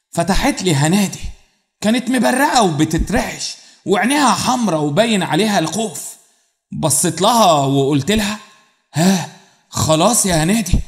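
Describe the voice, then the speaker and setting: A man with an Egyptian accent narrating a dark first-person story, with an intense, brooding delivery and repeated phrases. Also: fairly high pitch. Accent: Egyptian Arabic.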